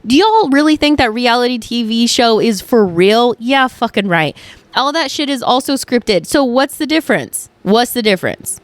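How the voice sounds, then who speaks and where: A woman's voice: on the high side, expressive, moderate pace, dry recording. A woman hosting a podcast from her couch at home, talking in a casual, emphatic way, with lots of "like" and some swearing. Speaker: podcast host.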